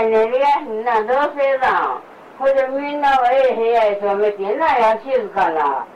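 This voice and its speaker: A woman's voice: a little high, distant mic. Older woman, grumbling and repetitive, caught from across the room on a dull, faintly noisy home recording. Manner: grumbling, repeating complaints.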